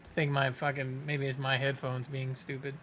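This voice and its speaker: A man's voice: medium pitch, monotone, normal speed, a bit bright, slight background noise. A man acting as game master, narrating and chatting with players in a tabletop game, with casual asides and self-corrections.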